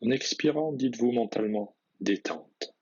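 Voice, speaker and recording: A man guiding a yoga nidra relaxation, reading measured instructions in a husky voice with soft phrase endings. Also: medium pitch, muffled recording, a little hiss or hum. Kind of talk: guided relaxation meditation, read instructions.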